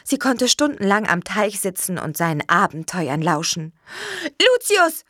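A woman reading a children's storybook aloud in a gentle, expressive way. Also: fairly low pitch, moderate pace, dry recording, clean studio sound. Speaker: narrator.

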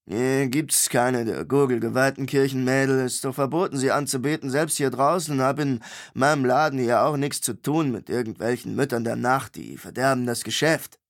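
A man's voice: medium pitch, moderate pace, lightly acted. Man doing a coarse, blunt tavern keeper. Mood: sheepish. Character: grubby, gruff middle-aged tavern keeper.

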